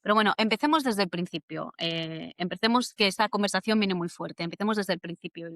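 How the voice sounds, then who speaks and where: A woman from hosting a podcast interview, chatty and animated as she tells stories. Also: medium pitch, a little fast, dry recording, clean studio sound. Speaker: podcast host. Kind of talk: casual interview.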